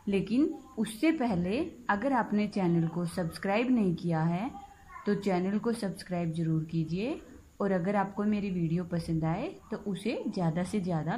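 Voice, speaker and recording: Woman teacher, Haryanvi Hindi accent, slow gentle storytelling lesson, clear phrases, light background noise. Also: medium pitch, low-quality recording. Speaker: primary school teacher. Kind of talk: storytelling lesson for young children.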